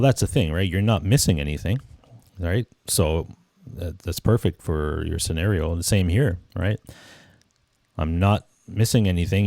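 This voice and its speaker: A man's voice: low-pitched, a little mellow, no room sound, studio quality. A man nearly fifty hosting a casual live stream, rambling and reflective with lots of restarts and "you know"s. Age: 40s. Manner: reflective and easygoing. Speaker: livestream host.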